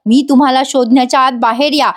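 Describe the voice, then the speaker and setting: A woman voicing an angry young father who shouts demands while searching for someone. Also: high-pitched, steady tone, fast, natural voice.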